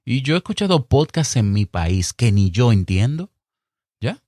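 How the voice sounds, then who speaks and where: Podcast host, male, Dominican Spanish accent, mid-pitched voice, deliberate and emphatic, dead-dry recording. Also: big pitch swings, warm tone, no echo. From Dominican Republic. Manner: emphatic, chatty, mock-acts little dialogues; deliberate, clear delivery. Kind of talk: solo podcast advice monologue.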